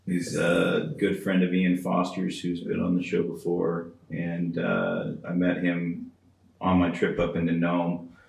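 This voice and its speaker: Very low, gravelly male host. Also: completely flat delivery, measured pace, a little mellow. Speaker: podcast host and interviewer. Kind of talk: casual interview chat. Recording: roomy computer-speaker recording.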